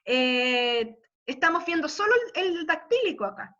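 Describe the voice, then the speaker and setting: A woman's voice: sits high, animated, measured pace, pushed and bright. A woman, a literature teacher giving an online class and explaining patiently, with many check-ins to her students. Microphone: computer mic on video call. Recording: muffled video-call audio.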